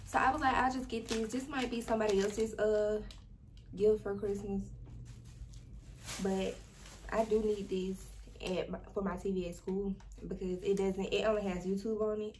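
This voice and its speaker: A young woman chatting casually to her viewers, informal and easygoing, at a mid pitch. She talks into a camera set up across a small bedroom. The recording carries a steady, clearly audible noise underneath. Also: normal speed. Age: young adult. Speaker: vlogger. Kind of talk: casual haul vlog chat. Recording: noisy background hiss.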